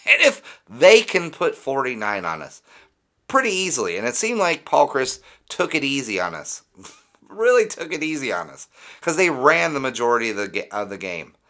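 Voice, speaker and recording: A man's voice: mid-range voice, huge pitch swings, normal speed, bright, forceful tone. A man hosting a fan podcast, ranting in an exasperated, sarcastic way with plenty of swearing. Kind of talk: sports fan rant.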